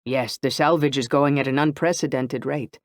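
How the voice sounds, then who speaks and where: A man reading an audiobook, voicing an earnest young man who speaks softly and slowly. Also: mid-range voice, steady tone, no echo, clean studio sound, natural voice. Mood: tender. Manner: soft-spoken and slow. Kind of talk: audiobook character voice.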